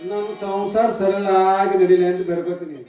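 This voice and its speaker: An actor playing a teasing, bawdy newly married village husband in a live stage play, with a North Karnataka Kannada accent. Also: male voice, high-pitched, level tone, moderate pace, dark tone, lightly acted. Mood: joking. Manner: teasing, bawdy comic banter. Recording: echoey stage from far off. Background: instrumental music.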